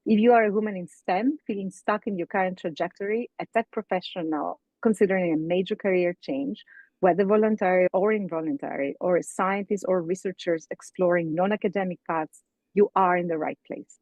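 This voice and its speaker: A woman's voice: fairly low pitch, brisk, darkish tone, dry recording, highs cut off. A woman from Greece acting as guest host, reading a formal introduction and asking interview questions. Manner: formal, reads introduction from script. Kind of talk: podcast interview.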